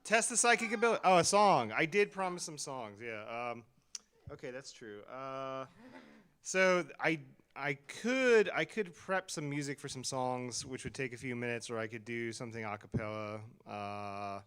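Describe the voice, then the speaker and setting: A man's voice: medium pitch, expressive, moderate pace, fairly bright tone, clear, resonant tone. A man hosting a live show in front of an audience, improvising in a loose, hesitant way.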